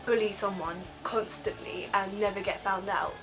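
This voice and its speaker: A woman's voice: medium pitch, fairly even intonation, normal speed, over music, low-quality recording. A teenage girl ranting casually in a vlog from her bed, rambling with lots of ums. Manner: rambling, filler-heavy, frequent ums. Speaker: vlogger.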